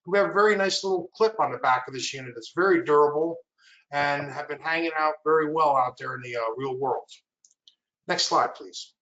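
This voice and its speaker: A man with a slightly high voice gives a product presentation, walking steadily through the slides and explaining them while asking for the next one. The sound is roomy and the audio quality poor.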